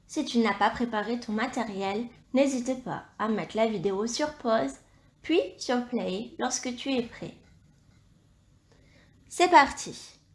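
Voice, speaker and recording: A woman teacher gives a phonics dictation to young children. She speaks slowly and deliberately, setting apart each syllable and letter with patient care. Her voice sits fairly high and is recorded up close. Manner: patient, spells out sounds and syllables carefully. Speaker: primary school teacher. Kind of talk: slow, clearly articulated dictation lesson.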